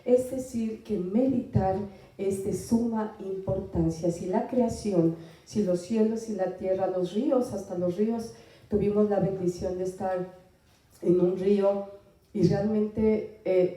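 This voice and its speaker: A woman preaching a sermon with a strained throat, pausing often and asking the congregation questions. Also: mid-range voice, warm tone. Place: church hall. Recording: echoey hall, voice from far off the mic.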